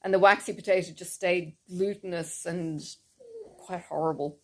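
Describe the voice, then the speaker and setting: A woman's voice: lowish voice, fairly even intonation, moderate pace. A woman chatting in a casual, rambling way and laughing often as she talks. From Ireland. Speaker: cross-stitch vlogger. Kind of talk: casual chat.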